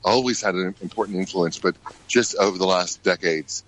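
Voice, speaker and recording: A middle-aged American man, a ballet director, answering questions in a radio interview, halting with many fillers and restarts. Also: low voice, fairly bright tone, rough recording. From United States.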